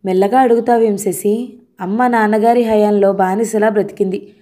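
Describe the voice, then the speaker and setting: A woman's voice: mid-range voice, fairly even intonation, moderate pace, mellow, lightly acted. A woman reading the part of a cheerful, affectionate young husband who is earnest about his mother, in her own voice. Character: young educated husband, cheerful and devoted son.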